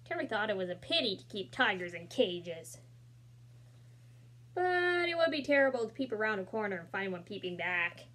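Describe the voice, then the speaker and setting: This clip, shot on a laptop camera in a small room, features a young woman sharing a children's picture book out loud. She speaks in a mid-range voice at a moderate speed, reading with expression and dropping in casual comments.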